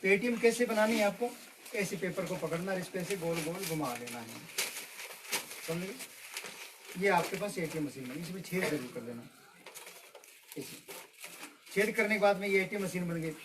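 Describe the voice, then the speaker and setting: A man's voice: high voice, expressive, normal speed, long pauses. A man working as a kids party magician, playfully teasing children and asking them questions as he patters through a live show. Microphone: far from the mouth. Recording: distant mic, noisy with clicks and birds.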